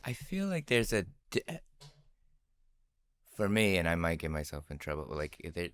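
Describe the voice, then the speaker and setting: A man from the Pacific Northwest with a gravelly voice, chatting casually as a comedian guest on a podcast, self-deprecating and swearing now and then. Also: sits low, big pitch swings, moderate pace, fairly bright tone. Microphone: podcast mic.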